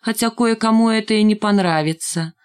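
A woman's voice: mid-range voice, fairly quick, clear, resonant tone, pitched above the performer's own voice, lightly acted. A woman reading aloud, voicing a sly schoolgirl with a drawling, falsely sweet manner. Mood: mocking.

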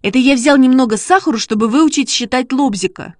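A woman voicing an excitable schoolboy who coaxes and exclaims while training his dog, read as a storybook. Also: high-pitched, brisk, dry recording, studio quality, pitched above the performer's own voice, lightly acted. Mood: pleading. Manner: eager, coaxing, exclaiming. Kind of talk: storybook reading.

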